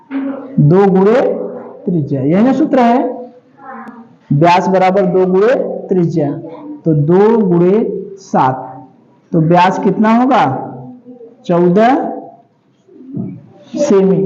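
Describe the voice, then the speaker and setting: A man's voice: high-pitched, dark tone, highs cut off. A male teacher giving a math lesson, repeating each step and asking questions that he answers himself. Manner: repetitive, asks questions and answers them himself; slow, drawn-out step-by-step explaining.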